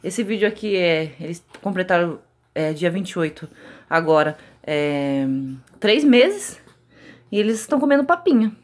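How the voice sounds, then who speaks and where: Chatty Brazilian mom with lively voice. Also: female voice, fairly low pitch, moderate pace. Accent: Brazilian Portuguese. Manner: chatty, talks sweetly to her babies. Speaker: mother of twin babies. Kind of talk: casual home vlog.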